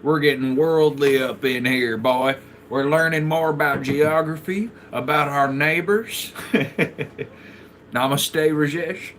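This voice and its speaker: A guy doing a boisterous southern redneck with a thick drawl, booming and pushed up a notch, hissy noisy room behind him. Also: fairly even intonation, slow, fairly bright tone. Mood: hammy. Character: loud Southern redneck man, folksy.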